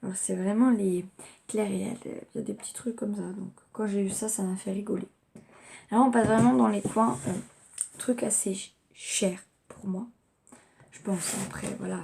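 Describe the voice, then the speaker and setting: Chatty young woman with a gravelly voice. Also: mid-range voice, steady tone, moderate pace, mellow, a little hiss or hum. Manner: chatty, rambling, many fillers. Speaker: vlogger. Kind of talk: casual gift-unboxing vlog.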